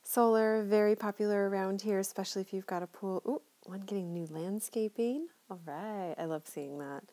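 Woman, driving tour narration, chatty and upbeat, mellow warm tone, inside a car. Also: mid-range voice, moderate pace. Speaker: local real estate tour guide.

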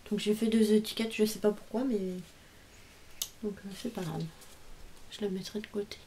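A woman hosts a homemade craft video, gushing in a casual, chatty way as she shows off each card and stamp. Her voice is soft and mellow. A faint hiss runs under the home recording. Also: medium pitch, fairly even intonation. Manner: chatty, gushing over each item, reads English phrases haltingly. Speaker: craft channel host opening mail. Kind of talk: casual unboxing chat.

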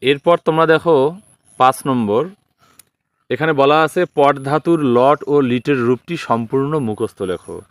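A man's voice: mid-range voice, clear, resonant tone, dry recording. Bengali accent guy teaching a lesson, patient, step by step, mid voice, dry close sound. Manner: patient, explains step by step and recites declensions slowly. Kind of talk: exam-prep lesson over typed slides.

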